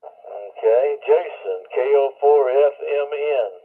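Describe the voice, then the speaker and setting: A man running a ham radio check-in net as net control, heard as a radio transmission with static, slow and easygoing. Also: mid-range voice. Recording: tinny narrow radio signal.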